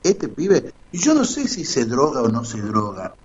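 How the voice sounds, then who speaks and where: Argentine man, radio host, breathy voice, lo-fi sound, storyteller. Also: medium pitch, wildly swooping pitch, normal speed. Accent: Argentine Spanish. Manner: storytelling, quoting others animatedly. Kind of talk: casual radio commentary. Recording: muffled lo-fi sound.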